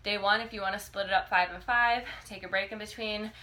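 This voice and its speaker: A woman in her thirties giving a casual, halting exercise demonstration as a fitness coach, often checking in as she instructs. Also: mid-range voice, fairly even intonation, sharp tone. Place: living room, indoors. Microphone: phone or camera a few feet away. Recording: noisy home video, phone mic.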